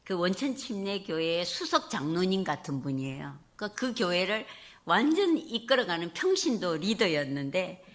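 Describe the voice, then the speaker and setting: A middle-aged woman preaching a personal testimony from the pulpit. Her voice rises and falls with lots of movement, and its tone stays clear and bright. She tells her story with animation. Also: lowish voice, moderate pace. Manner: animated storytelling, acting out her own past words. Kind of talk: testimony sermon. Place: church sanctuary.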